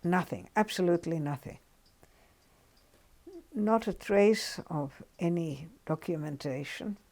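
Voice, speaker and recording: An older woman from Finland, Finnish-accented, relates her past in an oral history interview. Her delivery is leisurely and reflective with frequent pauses, in a fairly low voice of darkish tone.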